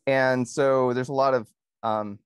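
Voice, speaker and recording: A man's voice: medium pitch, steady tone, measured pace, clean tone, no echo. Hesitant man chatting, dry sound. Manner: hesitant, many ums and restarts. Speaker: podcast co-host. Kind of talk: casual conversation.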